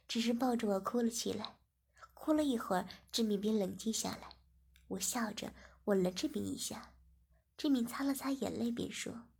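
A woman narrates a story in a steady, even voice. Her tone sits slightly high and carries a breathy, husky grain. She reads at an unhurried, regular pace. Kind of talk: scripted narration.

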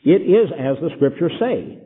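A man preaching a sermon with dramatic shifts between loud emphasis and quiet asides. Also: fairly high pitch, sing-song, measured pace. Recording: tinny lo-fi recording in a reverberant hall.

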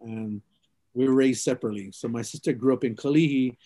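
This middle-aged man from Hawaii speaks fast at a medium pitch, his voice mellow and free of room sound. He tells his life story for an oral history interview, rambling and reflective, full of fillers and restarts.

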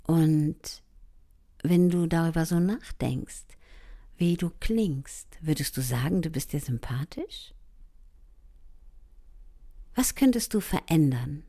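Warm-voiced woman coaching the listener. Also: low voice, slow pace. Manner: encouraging, addresses listener directly, soft asides. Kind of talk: guided voice training lesson.

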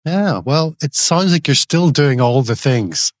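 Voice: medium pitch, animated, measured pace, no echo, studio quality. Easygoing podcast host. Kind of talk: casual interview chat.

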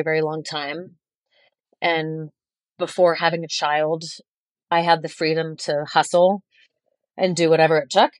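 A woman's voice: fairly low pitch, dry recording. A woman in her forties, a chef, speaking as a guest in a podcast interview, earnest and reflective and often restarting a phrase. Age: 40s.

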